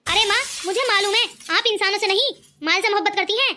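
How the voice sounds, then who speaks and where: A woman's voice: very high voice, quick pace, sharp tone, a little hiss or hum. A woman voicing a kind young man in a cartoon who pleads and teases lightly. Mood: pleading. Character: kind cheerful young man defending his sister-in-law.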